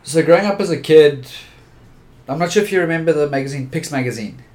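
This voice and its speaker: Quiet young man from Johannesburg. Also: on the high side, fast talker. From Johannesburg, South Africa. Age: 20s. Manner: quiet, introverted, brief answers. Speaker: guest photographer. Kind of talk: podcast interview.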